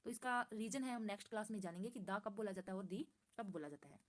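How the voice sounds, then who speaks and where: Patient woman teaching grammar. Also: mid-range voice. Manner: patient, repeats points and asks herself questions; reads English example sentences slowly and deliberately. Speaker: English teacher. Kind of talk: slide-based grammar lesson.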